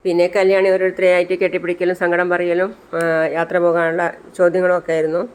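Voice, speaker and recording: A man's voice: high-pitched, completely flat delivery, quick pace, smooth, rough recording. A man retelling a TV serial episode in plain storytelling, reading the characters' lines in his own voice. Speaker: serial recap vlogger.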